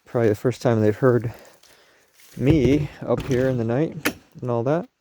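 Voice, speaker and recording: A man's voice: mid-range voice, a little slow, background noise. A man vlogging casually outdoors at night near a camper, rambling and correcting himself as he goes.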